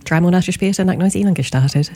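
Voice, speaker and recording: New Zealand woman, husky low voice. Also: warm tone, faint music behind. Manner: slightly halting German with small slips. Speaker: radio guest. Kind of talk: casual chat.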